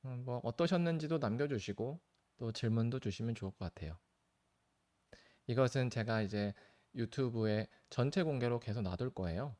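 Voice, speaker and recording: A male pastor with a medium-pitched, darkish voice teaches during a live stream at normal speed, animated as he answers viewers' questions. He sounds earnest and pleading, with sudden lifts of stress on key words.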